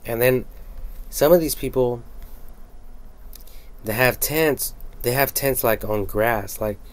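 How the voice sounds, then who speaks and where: A man doing a screen-recorded commentary, profane and rambling, halting often with fillers. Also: mid-range voice. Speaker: vlogger.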